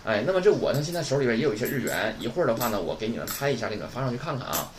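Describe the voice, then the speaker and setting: A man's voice: mid-range voice, sing-song, rapid-fire, a little hiss or hum. A man, teaching an online class. He is chatty and keeps asking the class "right?". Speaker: Japanese teacher.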